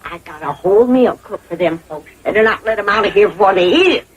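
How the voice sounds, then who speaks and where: A woman's voice: medium pitch, animated, fast talker, muffled recording, crowd noise, close to an everyday voice. An actress playing a stubborn, cantankerous old hillbilly grandmother with a rural Southern accent and a snappish way of talking. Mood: grumpy. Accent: rural Southern American. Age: older. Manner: crotchety, snappish.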